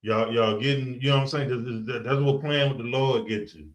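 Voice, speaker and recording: A man co-hosting a podcast in casual chat, wry and skeptical, musing aloud with drawn-out pauses. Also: medium pitch, slight background noise. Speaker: podcast co-host.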